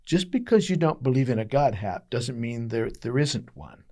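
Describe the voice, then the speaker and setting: A man voicing a kind, tireless woman speaker of faith, in a bright, warmly insistent way, barely changing his own voice. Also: mid-range voice, lively intonation, normal speed, natural voice. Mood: earnest.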